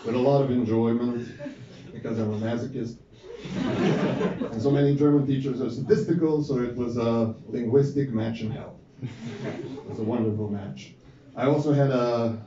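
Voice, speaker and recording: A man in his thirties from Serbia with a Serbian accent, doing a dry, deadpan stand-up comedy set on a small club stage. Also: mid-range voice. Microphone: handheld mic, filmed from the audience. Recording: echoey, muffled club audio from far off. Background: audience laughter.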